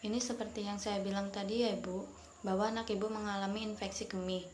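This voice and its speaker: A reassuring doctor acted by a woman in a scripted role-play, speaking at a medium pitch. The room is echoey, with faint noise behind. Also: lightly acted. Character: reassuring female doctor explaining treatment.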